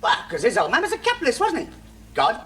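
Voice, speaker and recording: A man's voice: very high-pitched, huge pitch swings, fast, bright, forceful tone, full character voice. An actor playing a cheeky young man from who teases and provokes an older man. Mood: teasing. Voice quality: teasing, cocky. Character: cheeky, mocking young left-wing man. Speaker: sitcom character.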